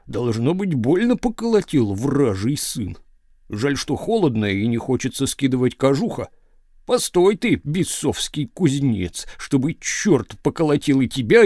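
A man's voice: mid-range voice, darkish tone, no room sound, studio quality. A man doing a sly grumbling old villager. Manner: muttering to himself, wheedling and resentful.

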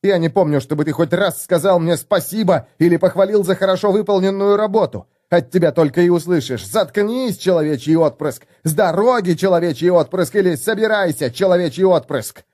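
A man voicing an indignant, fed-up young human adventurer who shouts in a raised, strained voice in an audiobook. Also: high voice, brisk, few pauses, pitched above the performer's own voice.

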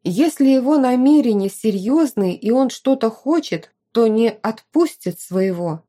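A woman voicing a lively, outspoken young woman, a caring and protective friend, who talks emphatically and at length. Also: on the high side, a little slow. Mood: insistent. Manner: emphatic, talkative. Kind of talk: audiobook character voice.

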